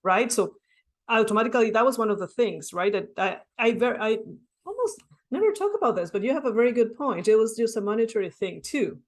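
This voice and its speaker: Speaking a little high, animated and fairly quick, a woman from Mexico recounts her story as a podcast guest in a conversational interview. English is her second language and she has a Mexican Spanish accent. She is earnest and reflective and often adds "right?".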